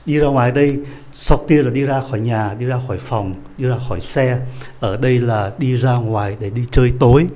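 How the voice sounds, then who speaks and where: A man teaching a French lesson, patiently explaining a dialogue and slowing down to repeat phrases. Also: medium pitch, warm tone.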